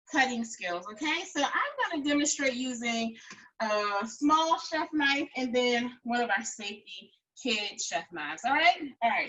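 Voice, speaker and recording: A woman who teaches and hosts a kids' cooking school walks children through a demonstration step by step, encouraging them and repeating the key phrases. Her voice sits high and a bit bright, though the audio quality is poor.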